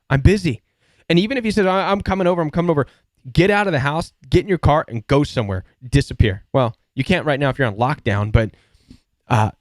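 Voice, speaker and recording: A man's voice: mid-range voice, darkish tone, no room sound, clean studio sound. A man hosting a live support show, answering viewer questions in an earnest, emphatic way and repeating his key points.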